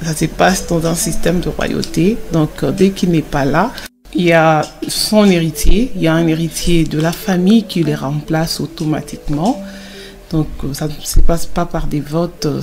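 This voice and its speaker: In an animated film, a woman with a low-sitting voice plays a kind mother teaching children a Bible lesson. She is encouraging and explanatory, hesitating here and there.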